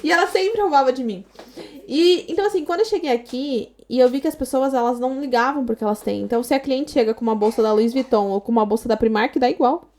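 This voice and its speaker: A Brazilian woman in her thirties, appearing as a podcast guest, tells her story casually and with animation, acting out the dialogue she quotes. Her voice sits high with a darkish tone, she talks at a quick pace, and she has a Brazilian Portuguese accent.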